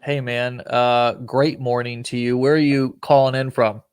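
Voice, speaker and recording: A man's voice: mid-range voice, level tone, a little slow, smooth, no room sound. A man hosting an interview on a call, upbeat and joking, calling his guest "man". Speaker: host.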